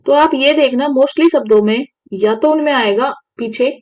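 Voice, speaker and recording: Talkative Hindi grammar teacher woman, slightly high. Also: moderate pace, a little mellow, rough recording. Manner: repeats "ठीक है" often, asks students questions. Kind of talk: exam-prep lesson.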